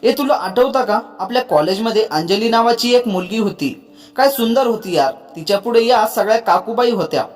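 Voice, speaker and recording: A man's voice: high voice, expressive, normal speed, faint music behind. A storyteller voicing a playful young man who teases his friends, in a read-aloud story. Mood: teasing. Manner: playful, boastful. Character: teasing young man, joking ringleader.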